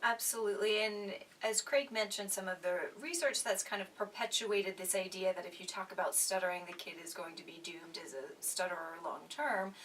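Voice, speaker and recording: A woman co-hosting a panel on stuttering, thoughtful and soft-spoken, with breathy trailing phrases. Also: medium pitch, moderate pace, hardly any pauses, far from the mic, slight background noise, low-quality recording. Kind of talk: casual panel discussion.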